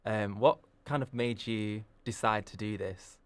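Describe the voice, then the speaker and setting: A man interviewing a guest, asking measured questions with hesitations. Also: lowish voice, smooth.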